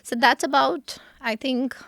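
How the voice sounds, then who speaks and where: A woman's voice: high voice, fairly even intonation, a little slow, creaky, a bit bright, dry recording. A woman in her thirties with a polished, educated Indian accent, answering as an interview guest and explaining from experience. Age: 30s. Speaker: interview guest, talent acquisition leader.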